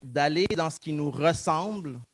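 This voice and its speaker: An unhurried, animated man with a voice on the high side speaks with no room sound. In his thirties and from Montreal, Quebec, he has a Québécois French accent and is a guest speaker earnestly looking back on his own story in a public talk, voicing remembered dialogue.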